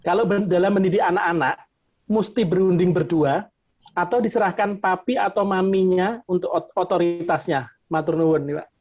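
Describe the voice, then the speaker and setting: A man's voice: sits high, steady tone, moderate pace, darkish tone, soft background music. A man moderating a live online Q&A, reading out viewers' chat questions in a friendly way.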